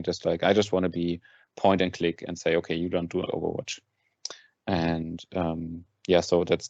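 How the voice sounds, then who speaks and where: A man's voice: sits low, creaky, darkish tone, dry recording, lo-fi sound. A man from Germany with a German accent, a tabletop wargame player chatting casually as an interview guest, hesitant with many fillers and restarts.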